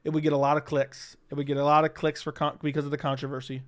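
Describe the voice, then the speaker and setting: A young man with a smooth, clear voice that sits a little high for a man. He hosts a loose, rambling livestream, swears freely, and answers chat questions as they come. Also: flat delivery, fast talker. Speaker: livestream host.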